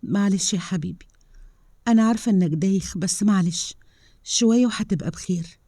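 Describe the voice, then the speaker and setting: A woman with an Egyptian accent voicing a protective woman scientist who soothes gently and argues hotly. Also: mid-range voice, quick pace, no echo, studio quality, voice pushed up, lightly acted. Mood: tender. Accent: Egyptian Arabic. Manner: soothing with the wolf, heated with colleagues.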